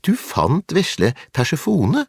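Doting cat lady, high, slow and fretful; a man voices her, husky. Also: huge pitch swings, no room sound, studio quality, heavily acted.

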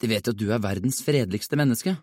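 A man's voice: on the low side, darkish tone, dry recording, clean studio sound, natural voice. A man voicing a cheeky schoolboy who talks in a teasing, mock-innocent way.

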